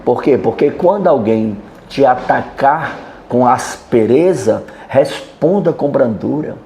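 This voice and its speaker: Male pastor, sermon delivery, mid-pitched voice with a mellow tone, earnest teaching style. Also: animated, slow pace, slight background noise. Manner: earnest teaching, often adds "né" and addresses "querido".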